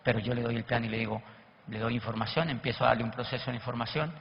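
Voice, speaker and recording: A man, a network marketing speaker, telling animated seminar stories and acting out the people he quotes. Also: mid-range voice, fast talker, gravelly. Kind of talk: motivational seminar storytelling. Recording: echoey hall, dull lo-fi, faint noise.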